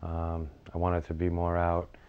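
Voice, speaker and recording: A male firefighter from the United States reflects in an interview. His voice is very low and resonant, with little melodic movement. He talks plainly and haltingly, recalling personal stories. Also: completely flat delivery, clean tone, phone-quality sound.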